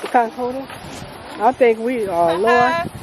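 A high-pitched woman talks breathlessly to her phone camera while walking outdoors. Her voice is chatty and laughing. Clear outdoor noise sits under the phone audio. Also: unhurried. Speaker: vlogger. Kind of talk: casual vlog chat. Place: outdoors in a corn maze.

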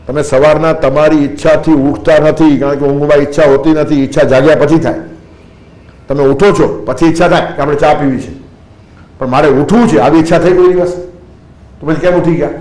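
A man's voice: a little high, darkish tone. Older gujarati guy giving a spiritual talk, tells little stories, roomy echo. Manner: storytelling, quotes verses and couplets, acts out everyday people. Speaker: spiritual speaker. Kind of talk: devotional discourse.

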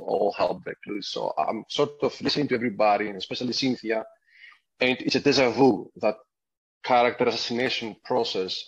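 Greek man, husky low voice, halting testimony, dull lo-fi call audio. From Greece. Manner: hesitant, many fillers and restarts. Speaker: whistle-blower guest. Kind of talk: personal testimony on a video call. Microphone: video call.

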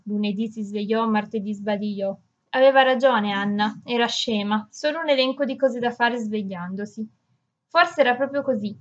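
Woman reading a children's story aloud. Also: a little high. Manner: expressive, lively read-aloud with small slips. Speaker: audiobook narrator. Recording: dull lo-fi audiobook recording.

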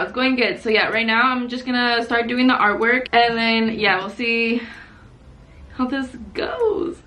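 Chatty high-voiced young woman vlogger. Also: pushed and bright, a little hiss or hum. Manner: chatty, filler-heavy, slangy, laughs easily. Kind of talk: casual get-ready-with-me vlog. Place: small pink bedroom indoors.

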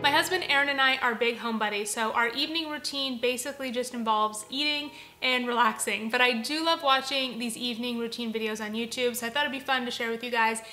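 A woman's voice: fairly high pitch, brisk, few pauses. A young woman hosting her home vlog, upbeat, friendly and chatty. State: pregnant. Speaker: vlogger host. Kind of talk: cheerful vlog talk and voice-over narration. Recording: soft background music.

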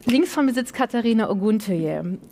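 A woman's voice: on the high side, expressive, normal speed, mellow. A young woman moderating a panel on a theatre stage, earnest and hesitant with many fillers.

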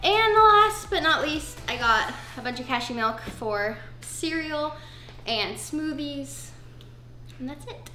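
A woman's voice: sits high, lively intonation, slow, bright, forceful tone, echoey room, faint music behind. A young woman vlogging casually from her home kitchen, chatting through her grocery haul item by item with lots of "um" and "like". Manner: chatty, filler-heavy, listing items one by one.

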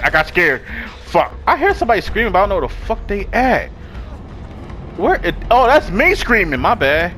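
A young man talking excitedly while playing a game, often yelling, swearing a lot, apologizing and laughing in between. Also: fairly high pitch, noisy background. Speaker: gamer playing with a friend. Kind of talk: excited gaming commentary.

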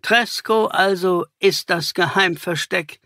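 A man's voice: high-pitched, slow, pushed and bright, dry recording, clean studio sound, voice pushed up, heavily acted. A man putting on a hard, cynical criminal woman. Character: cold cynical female criminal scientist.

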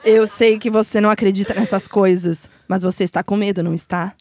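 A woman putting on a low demonic voice for a demon possessing a mother, breaking into laughter as she reads a horror story. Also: steady tone, fairly quick, noisy background, natural voice. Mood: taunting. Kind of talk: reading a listener's horror story on a podcast.

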